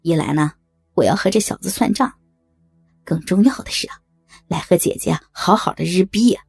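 A woman's voice: lowish voice, moderate pace, creaky, darkish tone, breathy edge, no echo, soft background music. A woman voicing a cruel, vengeful young male thug who taunts with snickering laughs. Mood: taunting. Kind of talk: audio drama acting.

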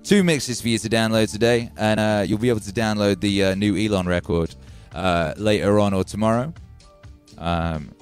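A middle-aged man from Wales with a Welsh and Birmingham accent, hosting a live stream in a casual, excitable way, swearing and thanking viewers by name. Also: on the low side, moderate pace, clear, resonant tone, faint music behind.

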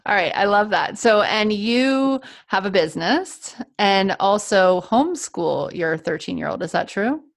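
A woman's voice: mid-range voice, lively intonation, unhurried, creaky, hardly any pauses. A woman hosting a podcast in an upbeat, chatty and enthusiastic way. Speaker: podcast host. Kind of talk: casual interview chat.

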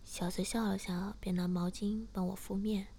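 A woman narrating a first-person story at a mid pitch, half-whispering much of it. Her voice carries a gravelly texture throughout. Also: little pitch movement, moderate pace, a little hiss or hum. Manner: soft, half-whispered reading. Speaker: story reader.

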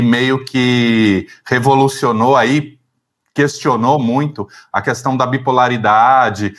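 Um homem terapeuta com sotaque brasileiro, explicando conceitos com calma numa entrevista, com algumas hesitações. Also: male voice, medium pitch. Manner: calm, explanatory, with hesitations. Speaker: therapist, psychodrama guest. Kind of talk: explanatory interview talk.

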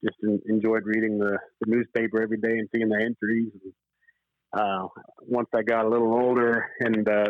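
A fairly low-pitched man in his forties, raised in Zimbabwe until eight and then in California, talks about his horse racing career as a guest in a relaxed interview. His earnest, reflective speech comes in stop-start phrases. The remote call sounds boxy, echoey and band-limited, with the highs cut off.

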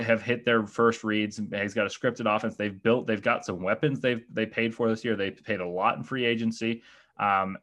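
The man's voice is fairly low and a bit bright as he discusses football draft picks as a podcast guest analyst. He's thoughtful but hesitant, restarting and filling gaps often, and the hiccups keep bothering him.

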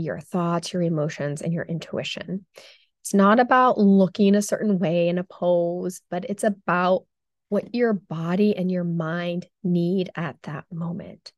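A woman hosting her own podcast as a health coach, talking in a chatty, upbeat way with her voice still hoarse from losing it. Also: medium pitch, a little mellow, no room sound. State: hoarse, recovering from lost voice. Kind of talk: casual solo podcast talk.

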